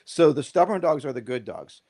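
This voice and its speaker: A man's voice: on the high side, normal speed. A middle-aged man, a dog trainer guest on a podcast, talking in a casual, rambling way. He keeps checking in with "right?" and acts out little quoted lines as he tells stories. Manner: animated storyteller who acts out quotes.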